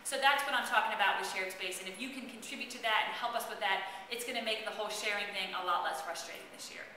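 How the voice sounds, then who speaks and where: A woman's voice: medium pitch, quick pace. A woman school administrator giving an earnest, direct announcement to students. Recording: echoey room, far from mic, faint noise.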